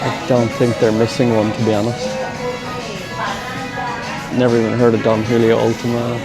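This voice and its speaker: Over loud music, a travel vlogger walks an airport terminal and rambles through casual commentary with understated, slangy asides. His mid-range voice stays monotone at a moderate pace.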